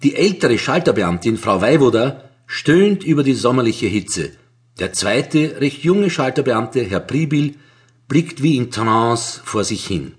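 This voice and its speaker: A man's voice: medium pitch, big pitch swings, measured pace. Man narrating with a Viennese accent. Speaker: audiobook narrator. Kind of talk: scripted narration.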